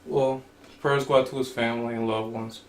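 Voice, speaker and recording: Halting man in an echoey room. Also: mid-range voice, level tone. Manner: measured, halting, searching for words. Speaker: podcast co-host. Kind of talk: casual chat. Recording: echoey room with faint noise.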